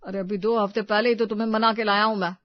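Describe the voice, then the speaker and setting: A pleading young husband in a cartoon story, as a woman puts him on, soft-spoken and forever coaxing. The voice sits mid-range and the take is dry and dull. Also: mid-range voice, level tone, fast, dry recording, natural voice. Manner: coaxing, placating tone.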